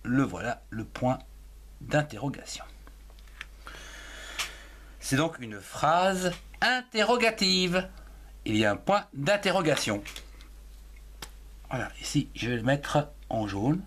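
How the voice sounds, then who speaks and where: A man gives a French grammar lesson for young pupils in a slow, measured way, spelling words letter by letter. His voice is bright and a little husky. His pitch rises and falls a great deal. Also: big pitch swings, slight background noise. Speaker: teacher.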